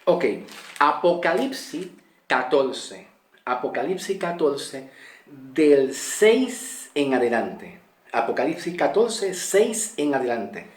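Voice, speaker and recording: Slow, tired man teaching the Bible. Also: fairly high pitch, sing-song, reverberant, distant mic. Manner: repeats key words and checks in with "ok?".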